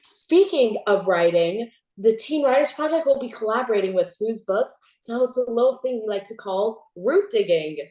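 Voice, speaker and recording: A teenage girl hosting a casual interview, telling stories in an animated way and laughing often. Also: fairly high pitch, moderate pace, hardly any pauses, reverberant. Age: teens. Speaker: host. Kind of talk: casual chat.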